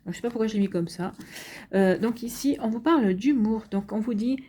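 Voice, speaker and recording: A woman giving a casual tarot reading to her viewers. She sounds tired, speaks gently and reassuringly, and often hesitates and restarts her sentences. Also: fairly high pitch, fairly quick. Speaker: tarot reader.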